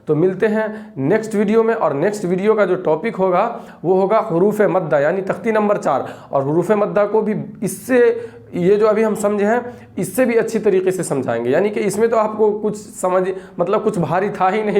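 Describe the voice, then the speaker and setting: A male Quran reading teacher who drills each syllable slowly and repeats it, then explains in a calm recorded lesson. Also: high voice.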